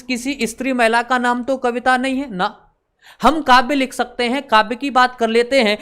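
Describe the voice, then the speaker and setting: A man teaching an exam-prep lesson. He repeats each point, quizzes listeners with questions, slows down on key words and adds teasing asides. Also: very high voice, fairly bright tone, clear, resonant tone.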